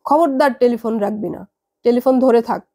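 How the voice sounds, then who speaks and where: A woman's voice: a little high, a little fast, warm tone. A woman voicing an angry, proud middle-aged mother who scolds her daughter over the phone in a heavy voice. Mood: scolding, furious.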